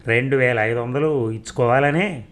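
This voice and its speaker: A man's voice: medium pitch, normal speed, a bit bright, natural voice. A man voicing a stern, short-tempered old family man who keeps demanding answers in a storybook reading. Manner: nagging, demanding questions.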